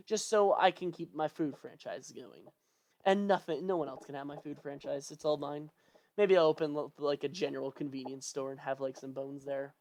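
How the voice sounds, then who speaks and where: Casual let's-play commentary, rambling, thinking aloud, fretful, ordinary pitch. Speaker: gameplay commentator.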